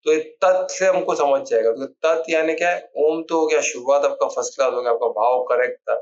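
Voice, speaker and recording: A man with a slightly high voice gives a conversational spiritual discourse, posing questions to his listeners and answering them himself. He often circles back to repeat key words as he explains. The recording sounds a little dull and lo-fi. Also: a little fast, a little mellow. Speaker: spiritual teacher explaining scripture. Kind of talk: informal Hindi discourse on scripture.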